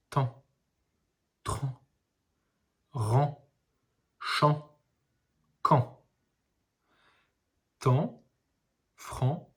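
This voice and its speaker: A man with a slightly husky voice speaks slowly and patiently, as if to young children. He is reading a lesson, sounding out each word carefully and saying it twice. His delivery is unhurried and clear in meaning. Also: medium pitch, darkish tone. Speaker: teacher.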